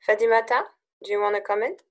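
A woman's voice: medium pitch, fast talker. A woman moderating an online talk over a video call, politely thanking speakers and passing the floor.

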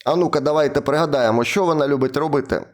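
A man with a fairly high voice teaches preschool children English words, speaking fast in this children's lesson narration. He stays patient and stretches words out as the kids repeat after him.

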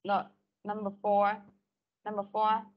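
A woman teaches an English class over a video call, her voice sitting at a middle pitch. She is patient and repeats each prompt and word so the students catch it. The call audio is dull and lo-fi. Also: completely flat delivery, slow.

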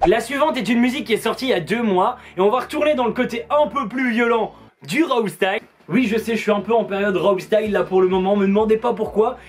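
A man's voice: high voice, fast, slightly rough. A Belgian man with a Belgian French accent, chatting casually and enthusiastically about music tracks in a joking vlog style. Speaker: DJ and music video host.

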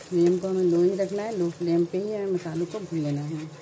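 A woman narrating a home cooking tutorial, calmly explaining each step in order. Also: fairly low pitch, fairly quick, a little hiss or hum, low-quality recording. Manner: calm step-by-step instructions. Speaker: cooking channel host.

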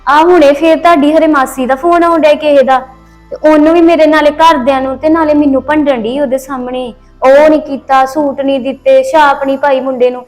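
A woman's voice: sits high, steady tone, a little fast, darkish tone, faint music behind, lightly acted. A woman acting a resentful young wife who complains about her mother-in-law in a family web drama.

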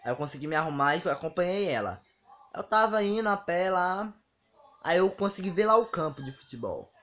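A man's voice: high-pitched, brisk. A man, telling stories in a casual vlog monologue and acting out the dialogue. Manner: animated, acts out quoted dialogue. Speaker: vlogger.

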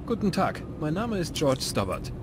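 A man's voice: on the high side, huge pitch swings, normal speed, background noise. A man voicing a young adventurer in a fan-dubbed adventure game, dry and self-mocking. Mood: wry. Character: wry young male adventurer.

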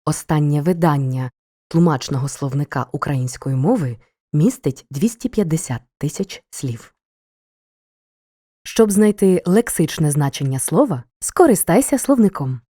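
A woman narrating a scripted school lesson for children, explaining each point in a clear, measured way. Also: deep voice, expressive, dark tone. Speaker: teacher.

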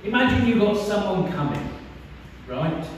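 A man's voice: sits high, sing-song, unhurried, slight background noise. A man, preaching a conversational sermon and asking the congregation questions. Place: church hall. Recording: echoey church from far off.

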